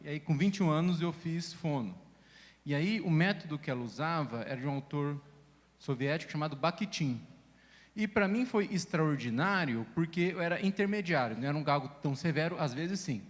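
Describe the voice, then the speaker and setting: At a church event, a man shares reflective personal stories during a casual panel discussion in a large hall. His voice is a little high and brisk, and he stammers now and then, using many fillers.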